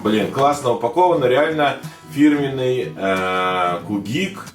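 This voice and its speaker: A tech video host talks through a casual unboxing in a chatty, hesitant way, using many fillers, his throat slightly hoarse. His mid-range voice is unhurried and plays over music.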